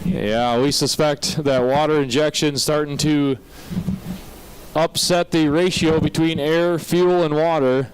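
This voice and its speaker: A man's voice: a little high, steady tone, unhurried, clean tone. An American man giving folksy, explanatory live commentary as a tractor pull announcer outdoors. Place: outdoor motorsport track. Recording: noisy outdoor event, vehicle engines.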